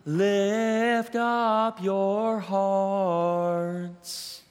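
A man leading worship, chanting the liturgy slowly in sustained sung phrases, with a cathedral echo. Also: sits high, level tone. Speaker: presiding minister. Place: large church. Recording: long reverb of a church hall.

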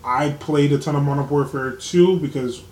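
A man's voice: fairly high pitch, normal speed, darkish tone. A young man co-hosting a casual podcast chat, laughing often and acting out the voices in his stories. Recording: echoey room with faint ambience.

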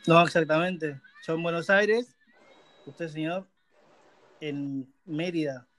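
A man's voice: a little high, slow pace, a bit bright, faint music behind. A man hosting a casual podcast from his room, talking into a phone with laid-back, dry remarks. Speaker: podcast host. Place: his own room in Buenos Aires.

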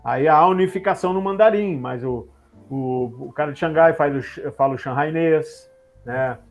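A middle-aged man, a former airline pilot telling stories in a relaxed interview, using many tag questions. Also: a little high, normal speed, lo-fi sound, soft background music. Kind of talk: casual interview chat.

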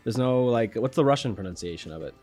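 Man, podcast co-host, casual chat, mid pitch, faint music behind. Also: expressive, fast, darkish tone. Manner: self-correcting, joking.

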